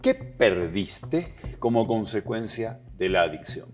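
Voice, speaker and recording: A man hosting an interview, asking measured questions and giving brief affirmations. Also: lowish voice, sing-song, faint music behind. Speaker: host.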